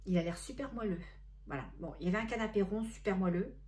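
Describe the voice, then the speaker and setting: Female medium, middle-aged, relaxed warm tone, conversational channeling monologue. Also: medium pitch, quick pace, slight background noise. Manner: chatty, self-correcting, relays spirit messages in gentle tones. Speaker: spiritual medium.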